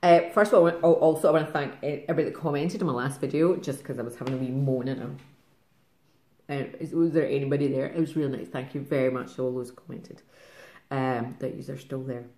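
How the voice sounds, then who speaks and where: Scottish lady nattering fast to camera, lots of laughs, echoey room at home. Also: very deep voice, dark tone. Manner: rambling, fast-talking, laughs often. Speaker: craft vlogger. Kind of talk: casual chat to camera. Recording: roomy echo.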